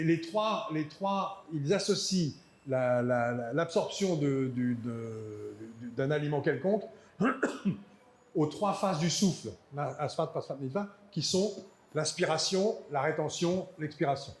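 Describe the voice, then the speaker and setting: A man gives an academic lecture in a voice pitched a little high. He hesitates often and repeats words, dropping in dry asides. The sound is echoey, as in a lecture hall. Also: lively intonation, takes it slowly.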